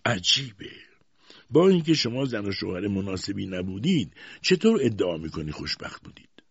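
Guy doing a cold bossy old aunt, high and sharp, mocking, husky tone, flat dry lo-fi sound. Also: exaggerated voice. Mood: cold, stern. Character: stern, harsh older spinster aunt, woman. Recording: dull lo-fi dry recording.

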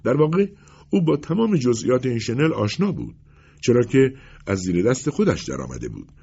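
A man narrates a literary story in a measured storytelling voice. His voice is gravelly and husky. The recording is dull and lo-fi. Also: mid-range voice, very animated, warm tone. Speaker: audiobook narrator.

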